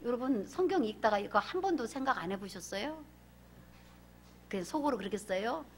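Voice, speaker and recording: A woman pastor delivering a sermon in an animated way, acting out characters and asking the congregation questions. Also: fairly high pitch, brisk, slight background noise.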